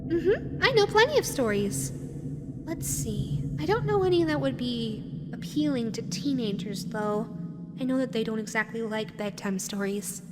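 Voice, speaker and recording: A woman in an intimate roleplay plays a sweet, teasing female animatronic fox meant for kids, speaking to the listener in a natural, fairly high voice with lively intonation at a moderate pace. Her playful, coaxing cooing drifts toward wistful musing, set against music and a long reverberant hall echo.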